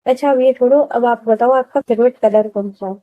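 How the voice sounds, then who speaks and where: A woman voicing a curious, eager young woman in her twenties who keeps asking questions, with a hoarse throat. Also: fairly high pitch, brisk, warm tone, no room sound, lo-fi sound, natural voice. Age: 20s. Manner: asks question after question.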